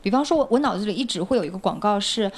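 A woman's voice: medium pitch, expressive, very fast, a little mellow. A woman in a casual discussion, giving her own opinions in a reflective, conversational way.

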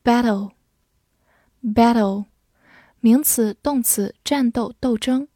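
Woman, vocabulary drill, words said twice, unhurried, warm dark tone. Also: fairly high pitch, dry recording, clean studio sound. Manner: repeats each English word twice, then clipped Chinese glosses. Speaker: vocabulary teacher. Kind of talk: scripted word drill.

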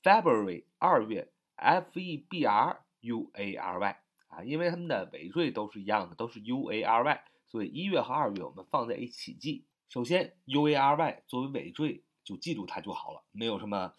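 A man teaching English vocabulary in a recorded online lesson, spelling each word letter by letter and padding his phrases with short fillers. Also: medium pitch. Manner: spells words letter by letter, stretches and repeats them slowly; frequent filler "啊" and "呃" between phrases.

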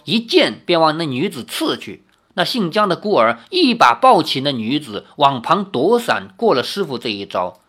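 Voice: mid-range voice, sharp tone. A storyteller reading a novel aloud expressively, adding casual asides.

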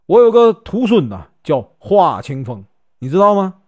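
A man's voice: high voice, big pitch swings, normal speed, darkish tone. A man doing a teasing scruffy monk with a Northeastern accent. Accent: Northeastern Chinese. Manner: teasing, mock-humble banter. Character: scruffy, joking wandering monk, middle-aged man.

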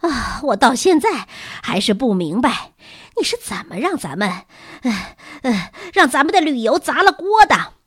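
A woman's voice: a little high, big pitch swings, a little slow, breathy edge, no room sound, clean studio sound, pitched above the performer's own voice, exaggerated voice. A woman doing a sniffly, reproachful schoolgirl.

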